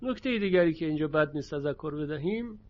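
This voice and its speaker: A man teaching a lesson on Quranic readings, explaining the rules and chanting short verse examples slowly. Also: on the high side, expressive, dull audio.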